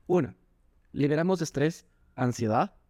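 Zumba teacher guy on a podcast, lively and pitchy, kinda mellow tone, dry mic. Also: measured pace, dry recording. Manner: animated, jumps in pitch when quoting people. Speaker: doctor and Zumba instructor, guest. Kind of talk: enthusiastic interview talk.

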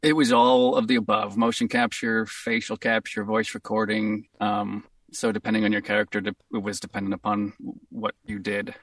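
A man with a Boston accent talks as a guest in a casual interview, upbeat and quick to laugh. His voice is low and gravelly. The recording is dry, and he sits a little away from the mic. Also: monotone, dry recording, far from the mic. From Boston, USA. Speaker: voice actor guest.

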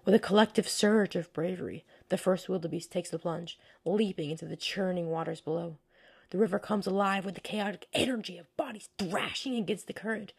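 A woman hosting a podcast in the style of a scripted nature documentary, with earnest, descriptive and measured storytelling. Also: lowish voice, vocal fry, slightly rough. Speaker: podcast host.

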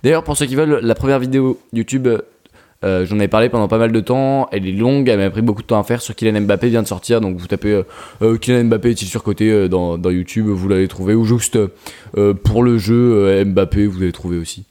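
A young man with a somewhat low voice talks casually on a podcast. He is relaxed, pauses often and fills the gaps with hesitations. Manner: relaxed, hesitant, many fillers. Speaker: podcast co-host.

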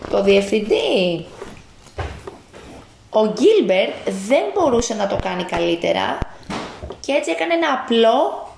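A woman's voice: a little high, very animated, gravelly, pauses often, darkish tone, echoey room, a little hiss or hum. A woman at home reading a picture book aloud to a child, stopping often to ask questions.

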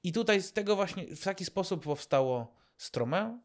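Man, podcast co-host, casual unscripted chat, slightly high voice, hesitant, lots of fillers. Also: lively intonation, moderate pace. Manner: hesitant, many fillers and restarts.

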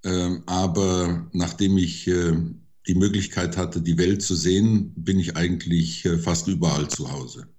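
An older man giving interview answers slowly, halting with many fillers. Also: low-pitched, steady tone, a little mellow. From Germany. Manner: slow and hesitant, many fillers. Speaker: interview guest, forester.

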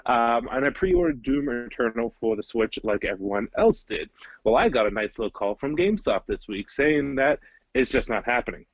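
Man, podcast co-host, casual chatty talk, medium pitch, dry dull lo-fi sound. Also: wildly swooping pitch, moderate pace, gravelly, no echo.

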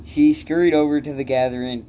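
A man improvising a story out loud, halting, with many restarts and self-corrections. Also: a little high, steady tone, slight background noise.

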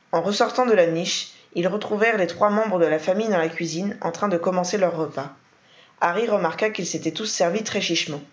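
A woman reading a novel aloud as narrator, in a steady, even manner. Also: lowish voice. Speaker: audiobook reader. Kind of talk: reading fan fiction aloud. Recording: roomy, dull lo-fi.

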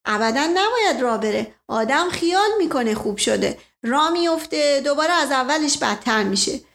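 A woman's voice: sits high, expressive, gravelly, fairly bright tone, voice pushed up, heavily acted. A woman voicing a flirtatious, blustering middle-aged nobleman who talks theatrically and keeps exclaiming "momento". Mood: scheming.

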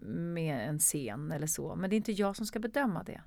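A woman's voice: sits low, sing-song, vocal fry, darkish tone, dry recording. A woman actor and producer talking candidly in an interview, emphatic and swearing freely.

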